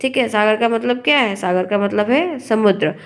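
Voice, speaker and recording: A woman's voice: a little high, normal speed. Hindi woman teacher drilling pronunciation. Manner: explains and repeats words to stress correct pronunciation. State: unwell. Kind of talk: online exam-prep lesson.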